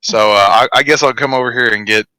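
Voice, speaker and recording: A man's voice: medium pitch, fairly even intonation, fast, bright, forceful tone, no room sound, rough recording. A man playing a tabletop game, giggly and rambling as he describes his moves, over online voice chat. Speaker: player.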